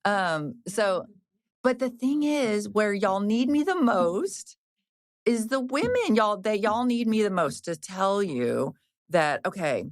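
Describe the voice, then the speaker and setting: A personal trainer in her fifties chats casually and frankly on a podcast, with the odd swear. Her mid-range voice is sing-song and slow, recorded in studio quality with no echo, and she rambles with frequent restarts and fillers.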